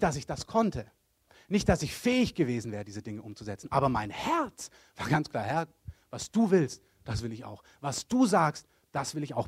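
Earnest preacher, dry close sound. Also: male voice, no room sound. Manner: earnest, swinging between hushed low lines and loud emphatic bursts. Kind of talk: sermon.

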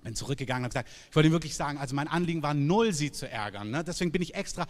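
A man preaching a sermon in a lively, emphatic, conversational way, with sudden loud bursts. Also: a little high, very fast. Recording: long reverb of a large hall.

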